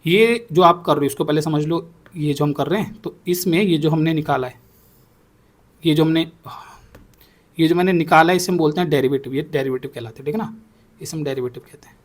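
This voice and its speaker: Young guy teaching maths fast, kinda high voice, keeps checking if you got it. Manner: repeats himself, checks in with "ठीक है ना". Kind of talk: explaining on a whiteboard.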